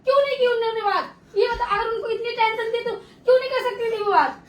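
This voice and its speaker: A woman's voice: very high-pitched, fast, distant mic. A woman accusing her brother's ex-partner in an emotional vlog argument. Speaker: sister. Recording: roomy, from off-mic.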